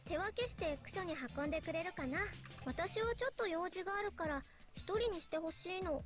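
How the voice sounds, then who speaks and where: A high, sweet young woman boss in a visual novel. She coaxes in a cutesy, coquettish way while game music plays clearly behind her. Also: lively intonation, fairly quick. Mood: sweet, coaxing. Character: sweet coquettish young female boss hiding a secret side.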